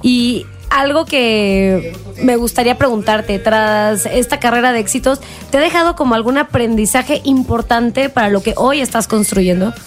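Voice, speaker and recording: A woman's voice: on the high side, moderate pace, faint music behind. A woman co-hosting a casual radio interview, asking the guest questions and congratulating him. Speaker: radio co-host.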